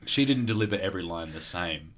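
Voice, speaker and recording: A man's voice: low-pitched, lively intonation, fast, fairly bright tone. A man co-hosting a casual review chat, blunt and opinionated, with an Australian accent, often repeating words as he gets worked up. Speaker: podcast co-host.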